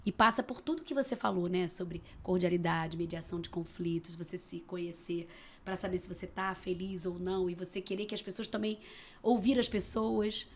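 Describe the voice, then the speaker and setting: A woman's voice: lowish voice, steady tone, brisk, a little mellow. Woman, podcast co-host, gracious appreciative tone, faint background noise. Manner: gracious, appreciative, wraps up questions. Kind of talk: casual interview talk.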